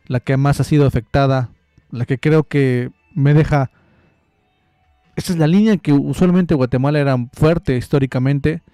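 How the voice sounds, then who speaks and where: This young football commentator has a mid-range, dark, smooth voice, captured dry. Speaking close to a studio mic with headphones in a small room, he rambles and jokes through his football analysis and keeps restarting.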